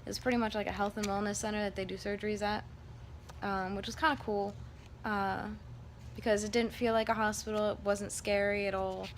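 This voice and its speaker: Flat-toned woman in a casual vlog. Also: medium pitch, fairly quick. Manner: rambling, candid. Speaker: vlogger. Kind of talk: casual personal vlog, recounting her surgery. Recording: background room noise.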